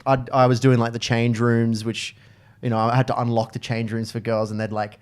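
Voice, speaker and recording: A man's voice: mid-range voice, fairly quick, clean tone. A man, a band member guest, telling stories in casual chat and laughing often. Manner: animated storytelling, laughs often.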